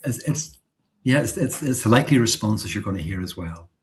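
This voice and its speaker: Low-voiced Irish man, thoughtful guest. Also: lively intonation, a little hiss or hum. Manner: thoughtful, halting with restarts. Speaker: student guest. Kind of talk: casual interview answers.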